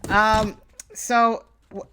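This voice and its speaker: A woman's voice: a little high, flat delivery, very slow, pushed and bright, slight background noise. A woman hosting a podcast in casual chat, talking loosely with many fillers and easy laughter. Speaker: podcast host.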